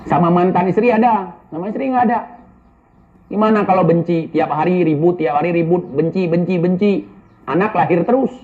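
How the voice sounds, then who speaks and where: A man's voice: high-pitched, a little fast. A man giving casual spoken commentary and answering viewer questions, blunt and scolding, full of rhetorical questions. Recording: tinny phone-like audio.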